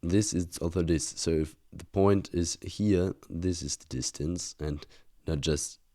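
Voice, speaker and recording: A man's voice: sits low, steady tone, a little slow, warm tone. A young man with a German accent, a student thinking aloud as he reviews an old exam, hesitant and full of fillers and restarts.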